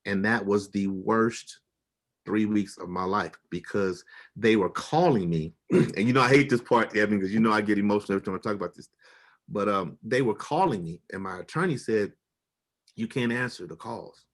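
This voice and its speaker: A man's voice: fairly low pitch, moderate pace. A middle-aged man telling a personal story with feeling, acting out the people he quotes with big jumps in his voice.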